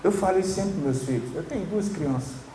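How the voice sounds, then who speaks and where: Man in his thirties, pastor, sermon, higher voice, earnest and emphatic, faint hum behind. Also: expressive, brisk. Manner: earnest, emphatic preaching with soft tender asides.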